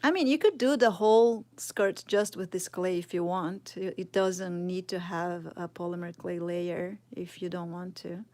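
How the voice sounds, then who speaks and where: She's a Brazilian woman in her thirties whose Brazilian Portuguese accent comes through in a fairly low voice with a darkish tone. During a casual live sculpting stream she replies to chat, thinks aloud slowly and keeps sinking into murmurs as she works.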